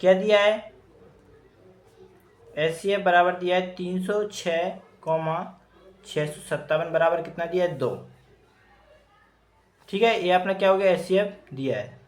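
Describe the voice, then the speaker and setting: A man's voice: high voice, a little slow, long pauses. A man working through math problems step by step in an informal lesson, thinking aloud as he calculates. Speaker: math teacher. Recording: echoey room.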